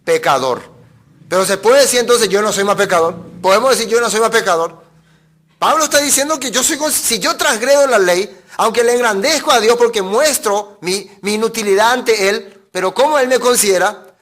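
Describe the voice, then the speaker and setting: A man's voice: high-pitched, brisk, a bit bright. A man preaching a sermon, asking rhetorical questions and acting out mock quotes.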